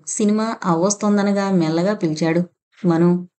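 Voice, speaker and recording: A woman with a mid-range voice narrates an audio novel from a script, telling the story in a steady, measured way.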